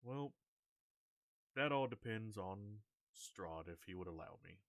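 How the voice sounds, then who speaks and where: A man playing a tabletop game in character, speaking in a measured, dry way. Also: fairly low pitch, animated, dry recording. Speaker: player.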